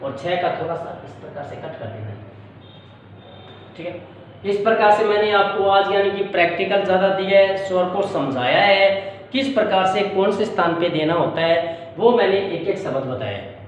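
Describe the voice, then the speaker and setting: A man's voice: high-pitched, moderate pace. A man teaching a shorthand tutorial, patient and repetitive, often checking that students understand. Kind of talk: classroom-style tutorial. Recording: echoey, distant, dull with faint hiss.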